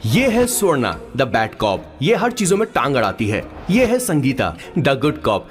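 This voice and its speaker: Jokey young sidekick narrator, lively pitch. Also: male voice, a little slow. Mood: chatty. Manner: jokey, chatty. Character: chatty young male assistant. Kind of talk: dubbed film narration. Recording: film soundtrack with faint music.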